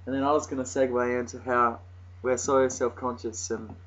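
A young Australian man co-hosting a casual podcast chat, easygoing and quick to laugh. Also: mid-range voice, flat delivery, a bit bright, a little hiss or hum. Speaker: co-host. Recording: dull lo-fi amateur recording.

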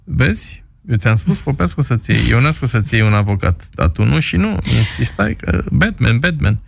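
Male radio host, teasing joker, gravelly and animated. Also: medium pitch, dry recording. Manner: teasing, playful, lively. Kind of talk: joking radio chat.

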